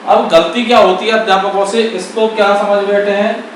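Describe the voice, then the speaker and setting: A man's voice: high-pitched, steady tone, normal speed, slight background noise. A man teaching Hindi grammar, explaining it like a lesson and asking and answering his own questions. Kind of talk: classroom-style explanation. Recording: very echoey room, voice far from mic.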